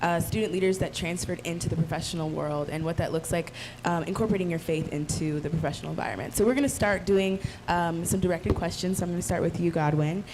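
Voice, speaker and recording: A woman's voice: on the low side, fast, hardly any pauses. A young woman moderating a panel, upbeat and friendly. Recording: noisy event recording.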